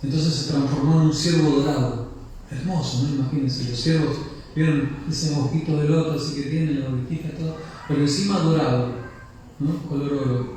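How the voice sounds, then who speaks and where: A man's voice: fairly high pitch, normal speed, slight background noise. A man tells a devotional story in a chatty way and often tags his lines with "¿no?". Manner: lively, chatty, frequent "¿no?" tags. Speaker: storyteller at a temple gathering. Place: temple hall. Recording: very echoey hall, mic at a distance.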